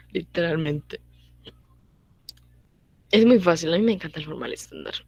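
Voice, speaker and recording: Young woman, language teacher, lowish voice, dry close sound, chatty, repeats herself, asks "right?" often. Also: expressive, darkish tone, husky, dry recording, highs cut off. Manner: repeats points and checks in with quick tag questions. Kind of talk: casual online grammar lesson.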